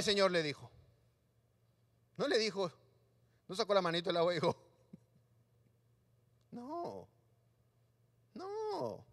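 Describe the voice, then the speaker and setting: Animated, high-voiced preacher. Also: male voice. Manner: animated, acts out voices of Bible figures for the congregation. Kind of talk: sermon. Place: church hall. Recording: live stream in a reverberant hall.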